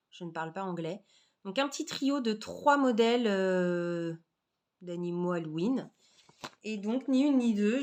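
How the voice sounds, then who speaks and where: Chatty woman murmuring over embroidery. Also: medium pitch. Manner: chatty, many fillers, often drops to a soft murmur. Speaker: Flosstube host showing embroidery projects. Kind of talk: casual chat.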